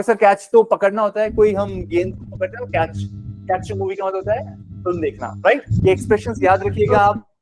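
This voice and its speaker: High-voiced Indian man teaching English. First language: Hindi. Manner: mixes Hindi and English, coaxing and explaining. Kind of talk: online spoken English class.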